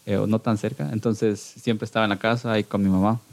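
Talking quickly in a low, creaky voice with a level tone, a thirtysomething Guatemalan band singer guests on a podcast for casual chat. He has a Guatemalan Spanish accent, laughs a lot, and often stalls and starts his sentences over.

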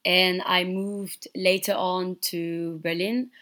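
Young woman, from Senegal, lowish pitch, thoughtful, halting, interview guest. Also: level tone, fairly bright tone. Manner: thoughtful, many fillers and restarts. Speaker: guest artist. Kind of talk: casual interview.

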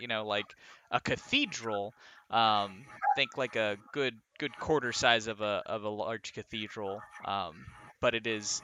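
A man narrating as game master of a tabletop game, halting, with many restarts and laughs. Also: fairly low pitch, noisy background.

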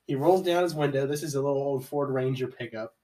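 A man's voice: medium pitch, quick pace, warm tone, distant mic, poor audio. A young man co-hosting a podcast, telling stories in a laid-back, joking way. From Ohio, US. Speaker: podcast co-host. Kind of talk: casual storytelling chat.

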